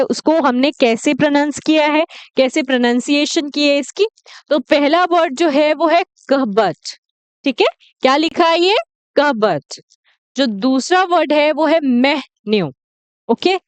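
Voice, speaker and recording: A young woman teaching English pronunciation with an Indian English accent, saying target words slowly and often checking in with her students. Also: sits high, no echo. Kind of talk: classroom lesson.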